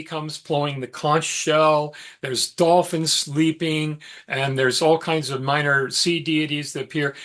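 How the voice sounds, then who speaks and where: A middle-aged man teaches a mythology session, slightly higher-pitched than most men. He tells the story loosely, with asides and filler words, like he's chatting with the class. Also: a bit bright. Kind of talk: informal lecture storytelling.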